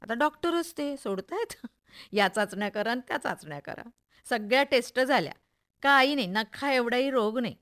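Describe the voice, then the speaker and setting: A middle-aged, middle-class mother in a radio monologue. Her voice sits fairly high, with a Maharashtrian accent and an expressive, wry, gossipy way of confiding in the listener. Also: moderate pace. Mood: gossipy, amused.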